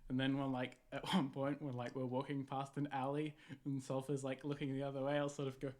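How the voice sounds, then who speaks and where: A man's voice: medium pitch, completely flat delivery, fairly quick, a little mellow. A man playing in a tabletop game, rambling and filler-heavy as he talks through his ideas. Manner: rambling, filler-heavy speech full of likes. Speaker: player. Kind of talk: casual tabletop play.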